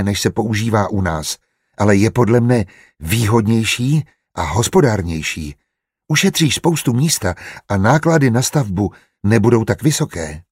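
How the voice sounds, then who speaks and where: In this audiobook, a man reads a good-natured, learned steward who lays out his plans with eager kindness. The voice is husky with a little breath in it, and the recording is dry and close. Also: fairly low pitch, a little mellow, no room sound. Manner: explains eagerly and kindly. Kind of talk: audiobook character reading.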